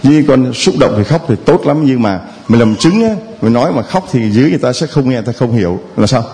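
A man's voice: mid-range voice, animated, fast talker, dark tone. A man, a priest giving a sermon to his congregation with rhetorical questions and repetition.

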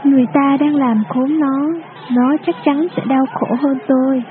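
Woman doing a wounded, gentle young girl. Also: high voice, fairly even intonation, normal speed, voice pushed up, natural voice. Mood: weak. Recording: tinny lo-fi with music behind.

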